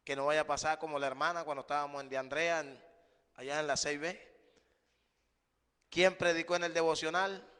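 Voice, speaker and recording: A man preaching a sermon, emphatic, often rising and then dropping to a hush, calling his listeners brother. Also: fairly high pitch, steady tone, moderate pace, long pauses, smooth. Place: church hall. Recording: live stream with long hall reverb.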